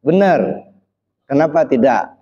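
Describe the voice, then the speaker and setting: A man's voice: on the high side, lively intonation, unhurried, mellow. A man giving an interactive religious talk, putting questions to the audience and pressing them to answer, with frequent short "ya" checks between phrases. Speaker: Islamic preacher. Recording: slightly dull, muffled recording.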